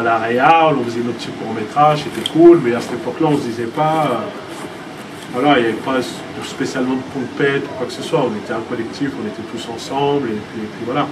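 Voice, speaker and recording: A man in his thirties from France, answering interview questions casually with many fillers and restarts. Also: medium pitch. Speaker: filmmaker interviewee. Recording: distant mic with air-conditioning hum.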